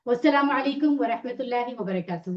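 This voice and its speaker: Female teacher, high voice, leads a religious lesson, heard from a distance in an echoey, dull-sounding classroom. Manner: warm explanatory, mixes English words into the talk.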